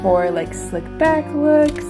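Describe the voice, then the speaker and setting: A woman's voice: high-pitched, lively intonation, takes it slowly, over loud music. A woman vlogging casually from home as a stay-at-home mom, gushing and full of "like" fillers. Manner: gushing, filler-heavy talk. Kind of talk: casual vlog chat.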